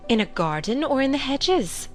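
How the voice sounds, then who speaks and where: Woman acting dithering storybook queen, timid, muddled, nervous rambling, fairly high voice, faint music. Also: big pitch swings, moderate pace. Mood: confiding. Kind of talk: dramatized audiobook acting.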